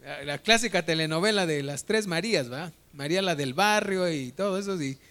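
A man's voice: a little high, brisk, pushed and bright. A man preaching a sermon, retelling a Bible story in a conversational, humorous way.

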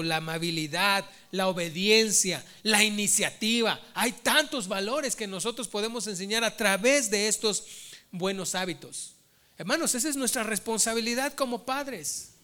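Male preacher, bright, tense tone, storytelling sermon. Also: sits high. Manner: storytelling, addresses listeners as brothers.

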